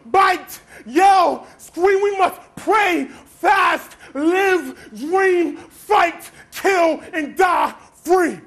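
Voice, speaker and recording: Fierce high-voiced man shouting poetry. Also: animated, extremely slow, hardly any pauses. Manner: fierce, rhythmic, often shouting. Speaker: spoken word poet. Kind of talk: spoken word poetry performance.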